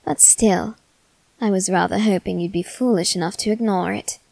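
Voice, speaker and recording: In a teasing, smug ASMR roleplay addressed to the listener, a woman plays a haughty young male demon servant with theatrical, mock-polite manners. She speaks at a moderate pace in a medium-pitched voice that is gravelly yet mellow, with no echo.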